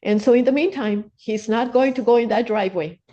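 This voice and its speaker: A woman's voice: on the high side, a little fast, warm tone, dull audio. An older woman speaking at a court hearing as the defendant's wife, earnest and repetitive, with stammering restarts.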